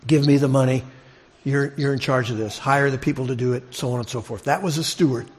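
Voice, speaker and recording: A male preacher teaches his congregation through a conversational expository sermon, asking listeners questions and repeating phrases for emphasis. His mid-range voice moves a little fast.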